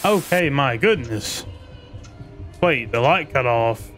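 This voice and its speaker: A man's voice: medium pitch, animated, takes it slowly, a bit bright, faint music behind. A man doing casual live commentary as a scared horror game streamer, muttering uneasy reactions into a desk microphone. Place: indoor streaming room. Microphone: boom microphone at a desk, headphones.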